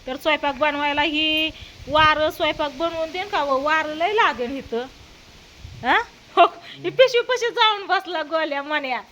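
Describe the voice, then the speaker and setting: A woman chats casually in a home vlog at the doorway of a house on a windy, rainy day, coaxing her pets in a sing-song voice while faint wind and rain sound behind her. Her voice is high and sharp at a measured pace, and the recording quality is low.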